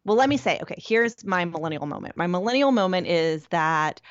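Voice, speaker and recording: A woman hosting a podcast in casual, upbeat chat, often pausing on fillers. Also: on the low side, lively intonation, no echo. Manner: upbeat, chatty, with frequent fillers. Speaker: podcast host. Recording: dull lo-fi sound.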